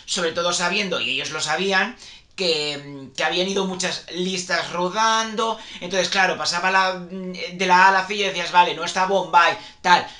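Male vlogger, bright and sharp tone, talky and opinionated. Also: high voice. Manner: chatty, opinionated, reassuring the viewers. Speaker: music channel host. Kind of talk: casual opinion commentary. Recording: echoey room.

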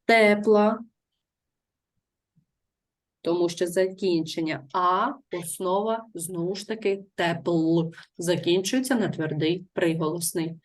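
A woman's voice: lowish voice, takes it slowly. A woman teacher giving a classroom grammar lesson, patiently repeating her pupils' answers and asking guiding questions. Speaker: primary school teacher.

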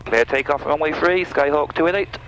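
A man's voice: fairly high pitch, a little fast, a bit bright. A man piloting a small plane, making radio calls and talking through his checks in the cockpit. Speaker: private pilot. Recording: noisy small aircraft cockpit intercom.

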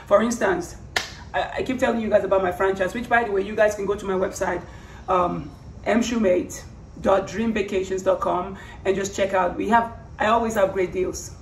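Female vlogger, casual testimony style, croaky voice giving out, roomy sound with faint noise behind. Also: medium pitch, steady tone, normal speed. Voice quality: hoarse, creaky voice giving out. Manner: earnest, rambling, repeats phrases for emphasis. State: hoarse, losing her voice. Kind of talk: casual personal testimony vlog. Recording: roomy, distant mic, faint background noise.

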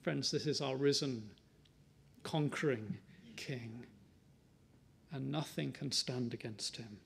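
A man preaching a sermon, earnest and measured, building to emphatic lines and dropping to soft, tender ones. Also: medium pitch, creaky, slight background noise.

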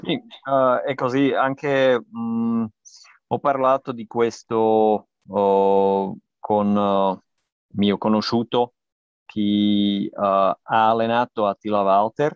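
A man in his thirties with a Slovak accent, a non-native speaker searching haltingly for words as an interview guest on a video call. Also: fairly low pitch, flat delivery, clear, resonant tone, no echo. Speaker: guest cycling journalist and podcaster. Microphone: earphone headset on a video call. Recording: dull, lo-fi video-call audio.

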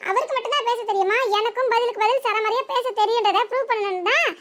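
A woman's voice: extremely high pitch, a bit bright, voice pushed up. Fiery young wife, as a woman voices her. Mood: defiant. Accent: southern Tamil Nadu. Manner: indignant, fast retorts.

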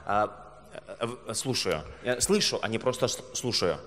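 A man in his thirties interpreting a talk phrase by phrase, now and then halting to reword himself. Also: lowish voice, lively intonation, fairly bright tone. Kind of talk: consecutive interpreting on stage. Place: large church auditorium with audience. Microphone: handheld microphone. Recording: hall reverb, faint hum.

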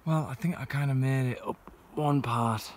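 A man's voice: mid-range voice, normal speed. A man narrating his mountain trek vlog in a casual, rambling, self-deprecating way, recorded outdoors on a handheld camera. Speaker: trekking vlogger.

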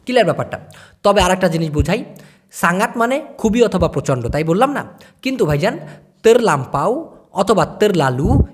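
A man teaching vocabulary in a casual spoken lesson, explaining words slowly, repeating them and checking that his listeners follow. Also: high voice. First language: Bengali. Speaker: language teacher.

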